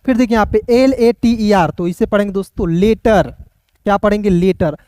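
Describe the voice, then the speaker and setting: A man teaching English reading, spelling out each word letter by letter before sounding it out, speaking fairly softly and often checking that his viewers are following along. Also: high voice, normal speed, no echo, studio quality. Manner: keeps addressing viewers as friends and checking they follow.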